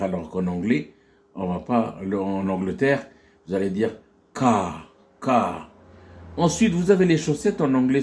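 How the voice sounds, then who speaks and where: A man's voice: on the low side, dark tone. A man teaching a phonetics lesson, explaining with many fillers and restarts and stretching out English words to model their pronunciation.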